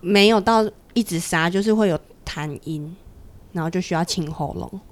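A woman from Taichung with a Taiwanese Mandarin accent, co-hosting a casual podcast chat with short, relaxed, playful replies. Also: on the low side, normal speed. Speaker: podcast co-host, therapist.

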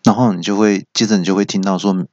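A man's voice: lowish voice, quick pace, no room sound. Male comic host, storytelling, dry lo-fi sound. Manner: animated, stammering restarts. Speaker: comedy podcast host. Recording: dry, dull lo-fi.

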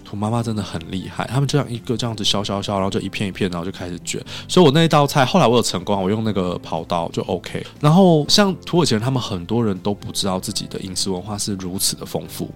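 A man's voice: lowish voice, quick pace, few pauses, soft background music. A man from Taiwan, a podcast guest telling stories in casual chat and acting out what people said. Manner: animated storyteller who acts out quoted dialogue.

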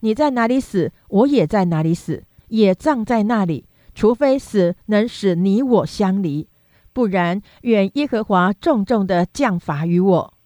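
Figure: devoted young widow, read by a woman. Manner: earnest, loyal, slightly lifted pitch. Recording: dry and close. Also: expressive, unhurried, mellow, dry recording, natural voice.

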